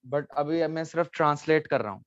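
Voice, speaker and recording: Man teaching a lively online class. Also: a little high, dry recording. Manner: repeats words slowly, quizzes students. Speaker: language teacher. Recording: dull lo-fi sound.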